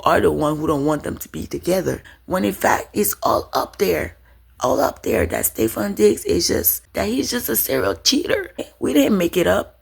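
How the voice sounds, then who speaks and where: A woman's voice: sits low, vocal fry, husky. A woman giving casual celebrity gossip commentary to her viewers, emphatic and repetitive, often calling them y'all.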